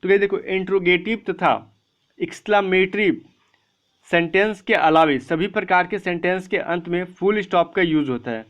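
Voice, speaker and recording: A man's voice: high voice, moderate pace, a bit bright. A man teaching an online English class for exam prep, explaining step by step and asking and answering his own questions.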